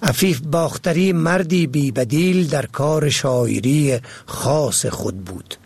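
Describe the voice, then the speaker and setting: Husky gravelly male narrator. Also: fairly high pitch, darkish tone, dry recording. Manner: formal, informative. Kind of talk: documentary narration.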